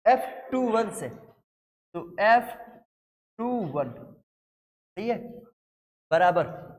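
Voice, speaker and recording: A man's voice: high voice, lively intonation, very slow. A male physics teacher lectures to a class, keeps asking questions and answers them himself. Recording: long hall reverb.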